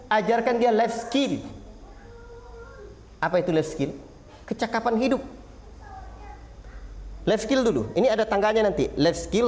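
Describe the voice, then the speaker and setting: A man's voice: high-pitched, darkish tone, a little hiss or hum. A man giving a religious lesson to parents in a small prayer hall, asking rhetorical questions and acting out little parent-child exchanges. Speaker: Islamic preacher.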